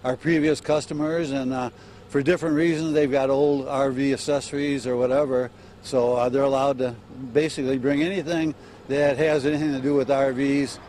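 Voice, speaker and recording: A man's voice: medium pitch, flat delivery, darkish tone, slight background noise. An older man being interviewed live for TV about his business, speaking plainly into a reporter's handheld mic with many hesitant "uh"s. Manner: plain, halting talk with many "uh" fillers. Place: outdoors on an RV lot, then inside an RV.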